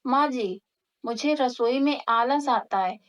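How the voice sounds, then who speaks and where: A woman voicing a cheeky, lazy young daughter-in-law who makes sly, deadpan comebacks. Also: a little high, takes it slowly.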